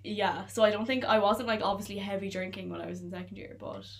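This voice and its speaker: A woman's voice: mid-range voice, fairly even intonation, fast, gravelly. A young woman from Tipperary with an Irish accent, chatting casually and candidly with slang and swearing. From County Tipperary, Ireland. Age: young adult. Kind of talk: casual chat.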